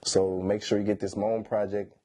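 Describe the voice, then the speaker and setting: An R&B singer, a thirty-year-old man, gives a casual interview while high on weed. His voice is on the low side, flat, moderately paced, and dark in tone. He speaks in a stoned, laid-back slangy drawl, often saying "you know what I'm saying."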